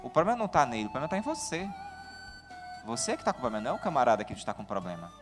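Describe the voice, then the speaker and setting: A man with a Brazilian Portuguese accent preaching a sermon in a lively, joking way, often putting questions to his listeners. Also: mid-range voice, racing, over music.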